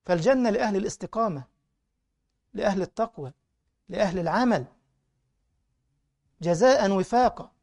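A man with an Egyptian Arabic accent preaching in colloquial style, telling stories in an animated, mocking way. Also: high-pitched, moderate pace, pauses often, dry recording. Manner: animated, mocking storyteller with laughter. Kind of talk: colloquial sermon with storytelling.

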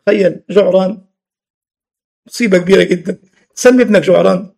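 High-pitched, creaky, and husky, this man speaks a little fast. He's from Egypt, with an Egyptian Arabic accent, delivering an animated religious lesson packed with rhetorical questions and funny stories he laughs at himself.

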